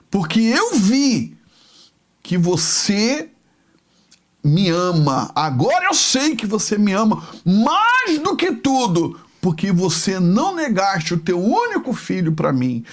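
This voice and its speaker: Male preacher as God, solemn and measured, raised pitch. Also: huge pitch swings, exaggerated voice. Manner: solemn, proclaiming. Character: commanding God calling from heaven.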